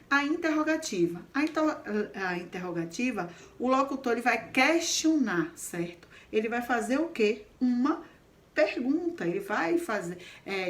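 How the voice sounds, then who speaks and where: A woman teaching a grammar lesson, explaining step by step and often checking in with the class. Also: a little high. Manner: explains patiently, checks in with frequent "certo?".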